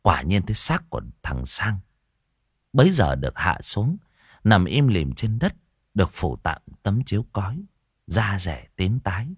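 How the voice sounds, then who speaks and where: A man's voice: fairly low pitch, big pitch swings, measured pace, husky, no room sound, studio quality. A man narrating a ghost story in a dramatic storytelling manner.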